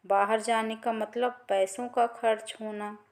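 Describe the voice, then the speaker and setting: A woman's voice: fairly high pitch, level tone, a little slow, vocal fry. A woman storyteller voicing a scheming young wife who blames others. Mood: sly. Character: scheming young wife, sly sister-in-law.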